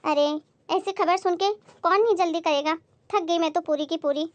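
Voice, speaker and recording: A woman's voice: extremely high pitch, normal speed, no room sound. A woman playing a meddlesome, gossipy middle-aged neighbor in a comedy skit. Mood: gossiping. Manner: gossipy, breathless, busybody.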